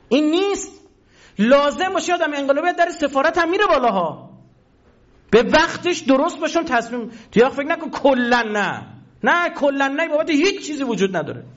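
A man's voice: very high-pitched, muffled recording. A man who is a university professor, giving a public talk and telling stories animatedly, addressing his listeners fondly. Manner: animated, storytelling, addresses listeners as dear ones.

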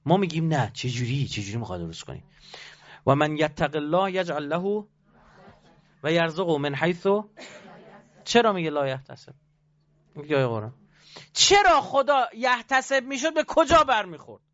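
Animated man preaching, lo-fi sound. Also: a little high, pauses often. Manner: animated, rhetorical, questions the audience. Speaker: cleric or religious speaker. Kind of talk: sermon. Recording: dull lo-fi recording.

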